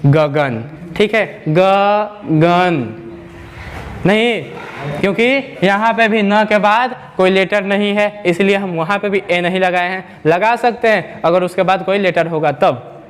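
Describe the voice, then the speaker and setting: A man teaching English spelling rules in a classroom lesson, repeating himself, stretching out sounds slowly and asking the class rhetorical questions. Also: high voice, steady tone. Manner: repetitive, drawn-out sounds, asks rhetorical questions.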